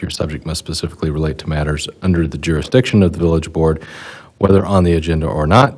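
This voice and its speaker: Deep-voiced man chairing a village board. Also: a little mellow, rough recording. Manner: brisk, reads procedure aloud, quick asides. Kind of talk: procedural meeting chairing. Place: village board meeting room.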